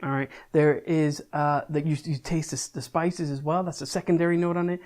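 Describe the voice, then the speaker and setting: A man's voice: fairly high pitch, flat delivery, brisk, a little mellow. A young adult man giving a casual, chatty beer review, talking loosely with frequent restarts and casual swearing.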